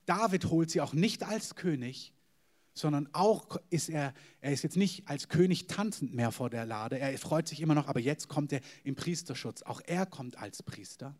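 A man preaching a sermon to a congregation, emphatic, with sudden loud stresses and hushed, whispered asides. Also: on the high side, moderate pace. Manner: addresses the congregation directly.

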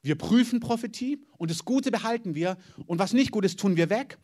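A man's voice: high-pitched, expressive, a little fast, a little mellow. A man preaching a sermon, telling a story with emphatic repetition and often closing his points with "Amen".

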